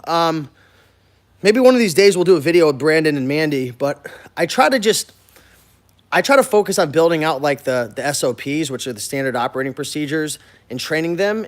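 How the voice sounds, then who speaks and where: An American man talking informally and directly to viewers in a casual walk-through vlog, as a business owner showing his workplace. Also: a little high. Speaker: online reseller and business owner hosting a warehouse tour.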